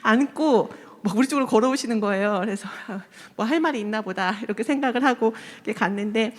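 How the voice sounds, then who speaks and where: A woman in her thirties tells her testimony to a church congregation, with a fairly high voice. She slips into the voices of the people in her story and laughs often as she goes. Her voice rings with the long reverb of a large church hall. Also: fast. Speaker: church member giving testimony. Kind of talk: personal testimony told to a congregation. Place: church sanctuary.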